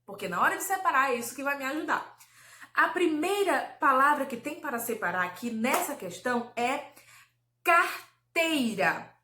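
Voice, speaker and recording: A woman teacher giving a recorded lesson for children, patiently explaining and drawing out syllables slowly. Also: high voice, lively intonation, sharp tone, echoey room, a little hiss or hum. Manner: slow, drawn-out syllable pronunciation, patient and explanatory.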